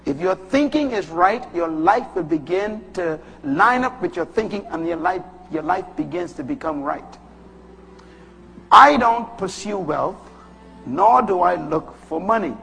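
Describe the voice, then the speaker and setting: A man from the Bahamas with a Bahamian accent, preaching a sermon with emphatic bursts that rise high and drop low. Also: expressive, measured pace, gravelly, pushed and bright, soft background music. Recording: long hall reverb.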